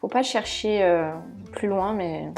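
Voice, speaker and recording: A woman's voice: medium pitch, slow, music in the background. A woman hosting a live cooking stream with a put-on southern French accent, chatting casually and thinking aloud as she works in her kitchen, often laughing at her own mistakes. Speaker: cooking channel host.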